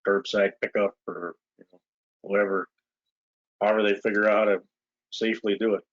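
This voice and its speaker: A man's voice: lowish voice, fairly quick, no room sound. A man chairing a village board meeting over a video call, talking casually with lots of fillers. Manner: relaxed, rambling with many fillers. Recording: muffled lo-fi video call audio.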